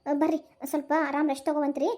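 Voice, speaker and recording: In a cartoon voice-acting role, a woman plays a kind middle-aged woman soothing and coaxing a friend, using a North Karnataka Dharwad Kannada accent. Her voice sits high and sounds darkish, with a very fast, flat delivery that is only lightly acted and a consoling mood.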